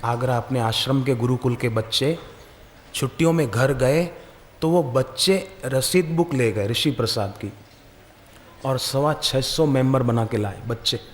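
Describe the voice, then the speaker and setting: A man giving a devotional sermon, telling lively stories and acting out their voices. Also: medium pitch, measured pace. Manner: animated storyteller, acts out voices. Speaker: spiritual preacher. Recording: echoey hall, faint background noise.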